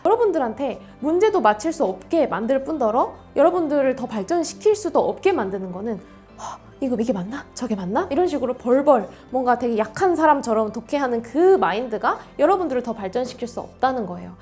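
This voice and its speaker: A woman's voice: sits high, expressive, fast, few pauses, a little mellow, soft background music. A woman teaching an exam-prep English lesson in an emphatic, coaching way. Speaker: English tutor.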